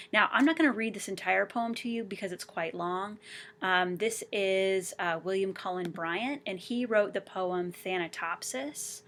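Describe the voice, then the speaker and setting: A woman teacher explaining poetic forms to students, reading poems aloud slowly and carefully. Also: medium pitch, fairly bright tone. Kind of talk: recorded online poetry lesson.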